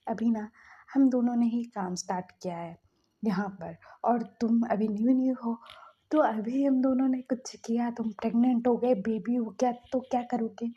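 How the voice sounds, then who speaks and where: Casting: woman playing an affectionate young chef husband, soothing and pleading, mellow husky voice, lo-fi. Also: on the high side, fairly even intonation, moderate pace. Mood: coaxing. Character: gentle coaxing young husband, a restaurant chef.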